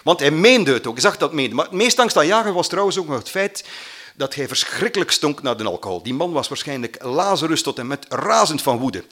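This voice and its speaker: Man telling a story haltingly. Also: a little high, big pitch swings, fairly bright tone. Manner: halting, with many fillers, acts out quotes. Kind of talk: personal storytelling.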